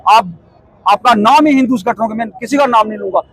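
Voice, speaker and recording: A man's voice: high voice, fast, slight background noise, low-quality recording. A middle-aged man, a protest committee member, giving an impassioned statement full of repeated rhetorical questions.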